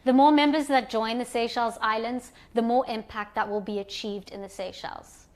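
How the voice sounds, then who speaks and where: A woman from Zimbabwe guiding viewers through an online platform in a calm, step-by-step screen walkthrough. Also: fairly high pitch, fairly quick. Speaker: platform presenter.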